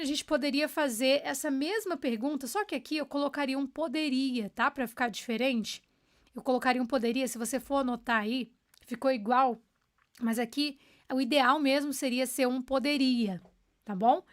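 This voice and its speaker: High-voiced upbeat woman teaching English. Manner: explains patiently, repeats English phrases slowly and clearly; upbeat, checks in with viewers often. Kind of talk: online English lesson in Portuguese.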